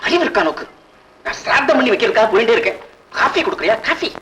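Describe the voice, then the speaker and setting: A grumbling, scolding poor priest. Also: male voice, very high voice, very animated, racing, fairly bright tone, a little hiss or hum, heavily acted. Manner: scolding, irritable. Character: poor grumbling priest father, stingy with money.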